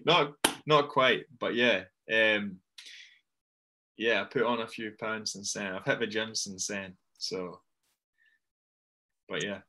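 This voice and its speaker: A young man with a Fife accent from Scotland talks casually in an interview. His voice sits a little low and has a bright, forward edge. He comes across as good-humoured and modest about himself. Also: steady tone, slow pace, long pauses. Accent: Fife Scottish. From Dunfermline, Fife, Scotland. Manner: informal, self-deprecating, good-humoured. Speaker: professional wrestler, interview guest.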